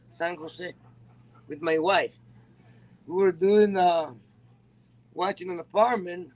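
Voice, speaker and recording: A man's voice: on the high side, poor audio. A man whose first language is Spanish, telling stories in English in an emphatic, conversational way with loose grammar. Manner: emphatic storyteller with non-native grammar. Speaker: guest. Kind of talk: casual chat.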